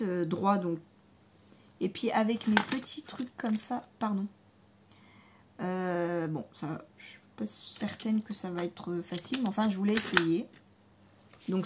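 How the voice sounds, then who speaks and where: A woman talks through her scrapbooking haul in a loose, hesitant way, stopping for fillers and doubling her words. She gushes happily about each item, her voice at an ordinary middle pitch, with a faint hum of room ambience behind her. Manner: enthusiastic about materials. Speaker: scrapbooking vlogger. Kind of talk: casual haul video chat.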